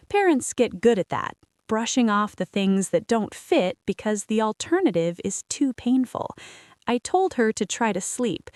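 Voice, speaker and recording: A woman's voice: mid-range voice, darkish tone, no room sound, clean studio sound. A woman narrating a scripted, emotional first-person story as a storyteller.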